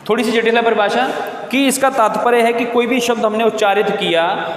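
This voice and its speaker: A man's voice: very high voice, fairly even intonation, fairly quick, reverberant, in a large hall, a little hiss or hum. A male teacher giving a classroom-style lesson. He patiently repeats key terms, stretches words out for his pupils and fondly calls his viewers children. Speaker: English grammar teacher.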